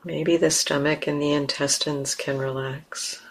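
Her voice sits low and barely moves in pitch as she leads a guided meditation. As the teacher, she offers short, gentle phrases without hurry, separated by long silences.

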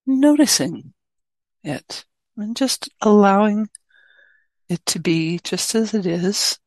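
A woman teacher guides a meditation, speaking gently in short phrases separated by long pauses. Her voice is medium-pitched and animated, and the recording is dry.

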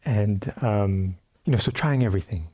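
Mellow, low-voiced man telling a dharma story. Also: normal speed. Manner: relaxed storytelling with many fillers and restarts. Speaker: meditation teacher. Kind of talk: dharma talk. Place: retreat center meditation hall.

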